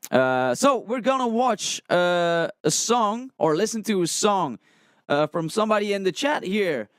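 A young music reaction streamer chats casually on a livestream, thinking aloud as he reads chat. He's in a small indoor room with colored lights, wearing headphones, on a stand-mounted studio condenser mic. His voice is high, expressive and a little slow, with a clean tone and no echo.

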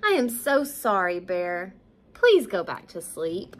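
A woman voicing an eager tiny ladybug in a storybook read-aloud, with high squealing calls. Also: big pitch swings, slow. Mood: gentle.

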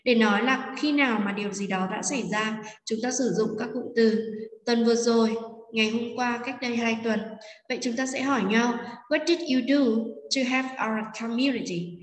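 A woman's voice: fairly high pitch, normal speed. Teacher woman in an echoey, distant room. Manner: patient, step-by-step explaining with frequent check-ins. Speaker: English teacher. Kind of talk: recorded classroom lesson explanation. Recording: echoey room, long reverb, voice distant from mic.

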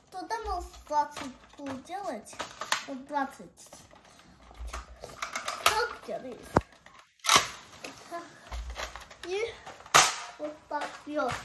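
Kid with a high voice doing a home video, stop-start talking, same little phrases again and again, echoey room, loud noise in the background. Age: child. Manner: halting, repeats short phrases while demonstrating. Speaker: child showing a toy collection. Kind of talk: casual home video demo.

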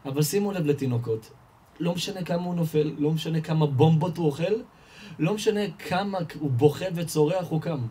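A man giving a lively Torah lesson to an audience, telling everyday stories and firing rhetorical questions that he answers himself. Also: breathy edge. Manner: animated storyteller, asks and answers his own questions, rises in pitch and volume. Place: live event hall before an audience.

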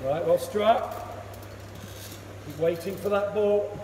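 High-voiced cricket coach in an echoey hall. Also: male voice. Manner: encouraging, brisk instructions and praise. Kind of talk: one-to-one coaching session. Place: indoor cricket net hall. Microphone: camera across the net, far off. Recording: echoey hall, voice from far off, loud noise.

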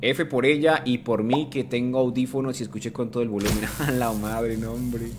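A man from Colombia with a Mexican-sounding Spanish accent, commentating a live game stream and greeting his chat, prone to sudden excited shouts. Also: mid-range voice, normal speed, a little hiss or hum. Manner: excitable, bursts into shouts at scares. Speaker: gaming streamer.

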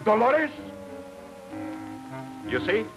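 An actor playing an excitable, romantic man, pleading in a theatrical, florid way. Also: on the high side, moderate pace, rough recording. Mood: insistent. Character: excitable romantic man, doting on his elephant. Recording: 1940s film soundtrack with music.

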